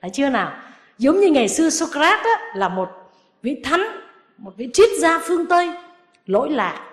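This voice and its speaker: A woman, a Buddhist nun, giving a sermon with lively storytelling and acting out the people she quotes. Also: sits high, normal speed, reverberant.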